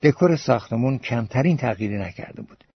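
A man reading a novel aloud as an audiobook narrator, in a steady storytelling manner. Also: mid-range voice, husky, no echo. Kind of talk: scripted narration. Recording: dull dry lo-fi recording.

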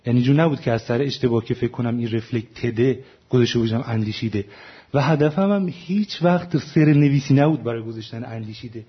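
A translator speaking on an academic panel explains his choices, frequently stopping to correct himself and using fillers. His mid-range voice is slightly rough, and the audio sounds dull.

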